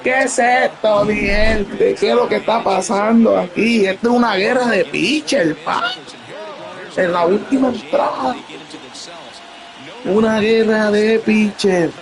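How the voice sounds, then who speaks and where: Brief: male streamer, high-pitched, unhurried between wild shouted outbursts, loud game crowd behind. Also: rough recording. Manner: excitable, bursts into shouts and exclamations; talks to his audience. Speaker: gaming streamer. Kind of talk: excited live gameplay commentary. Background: video game crowd sound.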